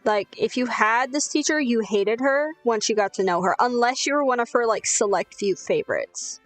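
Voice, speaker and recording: A woman's voice: fairly high pitch, moderate pace, soft background music. A young woman telling a rambling, sweary, self-deprecating story while gaming. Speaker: gaming streamer.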